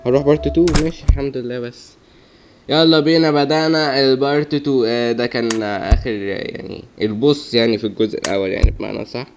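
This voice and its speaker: On a dull, lo-fi mic with faint noise, a young gamer with an Egyptian Arabic accent talks through his play, repeatedly coaching himself under his breath. His medium-pitched voice is steady and fast.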